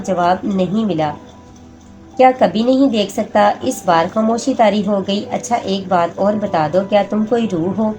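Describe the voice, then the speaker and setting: A woman narrates a horror story in a steady, measured way. Her voice is mellow and warm, sitting at an ordinary pitch. Faint music plays softly behind her.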